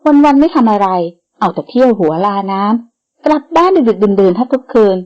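A woman's voice: a little high, expressive, moderate pace, darkish tone, lightly acted. A woman voicing a stern elderly grandmother who heads the family and speaks with authority, in a slightly dull recording. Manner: authoritative, scolding.

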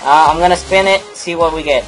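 Giggly, high-voiced young man, eating gross jelly beans. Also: fast, over loud music, rough recording. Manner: giggly, often breaking into laughter. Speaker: host of a friends' challenge video. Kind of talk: casual, excited group banter. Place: covered outdoor porch. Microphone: camera a short distance away.

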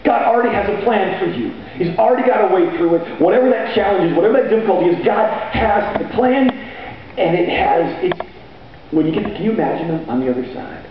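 A man's voice: high voice, a little fast. Man preaching on stage in echoey hall. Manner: energetic, preaching while pacing the stage, sometimes shouting. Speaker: pastor. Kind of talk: sermon. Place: large hall stage with band gear, seen from far off. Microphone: handheld mic, far camera. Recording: echoey hall from far off, dull audio, faint noise.

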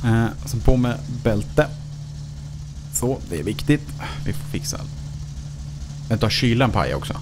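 A man's voice: medium pitch, lively intonation, pauses often, noisy background. A man giving casual let's play commentary as a gaming YouTuber, chatting to himself with frequent swearing and chuckles.

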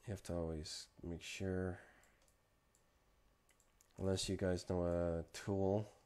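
A man's voice: low voice, little pitch movement, slow pace, dark tone. A man narrating casually as he works on a 3D sculpt, muttering asides to himself. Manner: mumbling asides to himself while working. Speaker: 3D modeling vlogger. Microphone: desk microphone.

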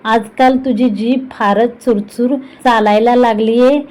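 A woman's voice: a little high, steady tone, measured pace, a little mellow, close to an everyday voice, low-quality recording. A woman voicing a curt, strict older brother in a storybook reading. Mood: stern. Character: stern, strict older brother, grown man.

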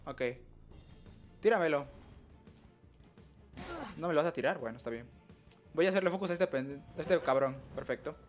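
A young man doing live gameplay commentary, excitable, trash-talking opponents and letting out sudden high yelps. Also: moderate pace, long pauses, soft background music. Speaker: gaming streamer.

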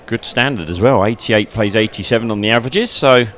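A man's voice: on the low side, a little fast, fairly bright tone. A man co-commentating on darts in a conversational style with brief, understated remarks. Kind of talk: live sports commentary, conversational. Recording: noisy venue with crowd behind. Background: crowd murmur.

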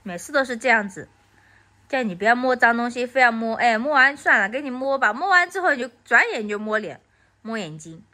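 A woman's voice: on the high side, expressive, brisk, pushed and bright. A woman from Anhui scolding her toddler at home, repeating baby talk. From Anhui, China.

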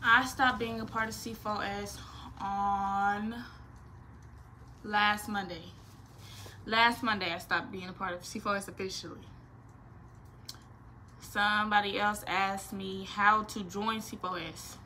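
There's a faint hiss or hum as a nineteen-year-old woman talks slowly and pauses often, her voice in the mid range. She's doing a casual Q&A vlog in her small bedroom, playful and slangy, animated with lots of expressive hand gestures.

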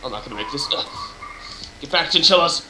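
A young man chatting while gaming, excitable and prone to jokey mock-dramatic outbursts. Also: on the high side, fairly quick, roomy sound, a little hiss or hum. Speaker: gamer. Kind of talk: casual gaming chat.

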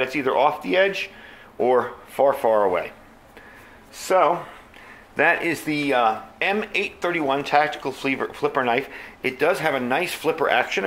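Man, mid-pitched, casual reviewer, plainspoken with fillers, faint room noise. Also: fairly bright tone. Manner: easygoing, plainspoken, frequent fillers. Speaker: knife reviewer.

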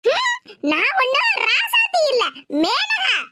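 A shrill, very high cartoon busybody, voiced by a woman, loudly indignant in a Tirunelveli Tamil accent. Strong noise sits under the recording. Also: big pitch swings, slow, full character voice. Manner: indignant and loud. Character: loud meddling young village woman.

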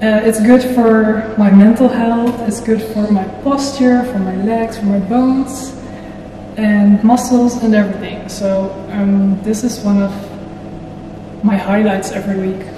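A woman in her thirties talking casually to the camera, thoughtful and unhurried, pausing with fillers. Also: mid-range voice, fairly even intonation. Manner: slow, thoughtful, with pauses and fillers. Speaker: vlogger. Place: bright room indoors. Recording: echoey room, faint noise.

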